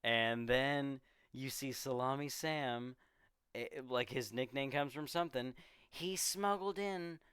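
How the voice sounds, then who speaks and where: A man's voice: mid-range voice, steady tone, unhurried, a bit bright, clear, resonant tone, no room sound, studio quality. A man on a podcast casually retelling a film's scenes, rambling and quoting characters as he goes. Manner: rambling, retells scenes with quoted voices and laughs. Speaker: podcast co-host. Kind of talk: casual movie discussion.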